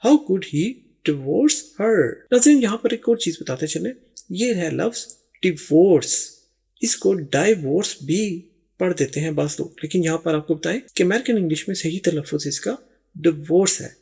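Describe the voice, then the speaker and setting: A man teaching English as a voice-over lesson, native Urdu speaker, drawing out the English examples word by word between quicker explanations. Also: high-pitched, lively intonation, creaky, mellow, husky. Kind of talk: language lesson narration.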